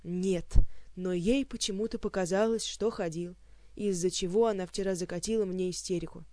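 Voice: mid-range voice, fairly even intonation, normal speed, darkish tone, dry recording, close to an everyday voice. Irritable hungover king in an audiobook , read by the narrator, dry close voice. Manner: snappish, sarcastic.

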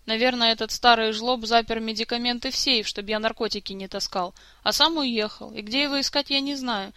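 A man's voice: very high-pitched, bright, forceful tone, smooth, no room sound. A woman voicing a tearful, sulky young male prince in an audiobook story, sobbing as he talks. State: crying, sobbing.

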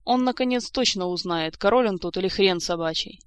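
A woman reading as a shrill, haughty countess. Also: brisk, smooth, dry recording, close to an everyday voice. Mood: spiteful. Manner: shrill, indignant. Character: haughty spiteful countess, young court lady.

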